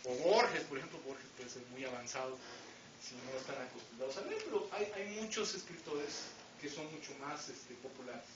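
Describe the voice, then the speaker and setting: A man's voice: mid-range voice, moderate pace. A middle-aged man with a Mexican accent lecturing students in an academic talk, with wry joking asides and frequent rhetorical questions. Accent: Mexican Spanish. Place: lecture hall with audience. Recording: roomy, distant, dull, noisy lecture hall recording.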